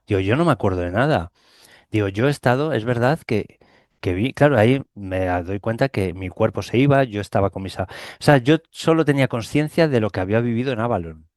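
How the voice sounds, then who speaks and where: A middle-aged man from Spain, speaking with a Spanish accent, recounts a near-death experience as an interview guest, animatedly acting out the dialogue. His voice is on the low side and a little mellow, captured in clean studio sound with no echo.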